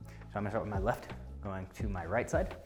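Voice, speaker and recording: A man's voice: on the low side, quick pace, over music. A man teaching a martial arts class as instructor, giving short, clipped counts and commands and explanations of drills. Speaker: taekwondo instructor.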